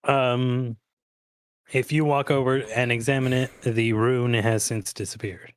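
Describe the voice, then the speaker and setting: A man's voice: mid-range voice, fairly even intonation, unhurried, clean tone, no room sound. A young man serving as game master, speaking in a mid-range voice with a dry, close sound. He describes scenes and rules matter-of-factly, with the odd curse. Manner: matter-of-fact rulings with casual swearing. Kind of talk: narrating a tabletop game.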